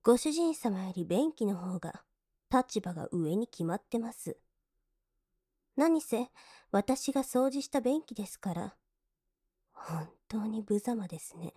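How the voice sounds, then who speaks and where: A young woman playing a cold, scornful maid in an adult audio drama, politely contemptuous and mocking, sometimes dropping into soft whispers to sneer. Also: mid-range voice, expressive, measured pace, long pauses, breathy edge, no room sound, studio quality. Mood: coolly commanding.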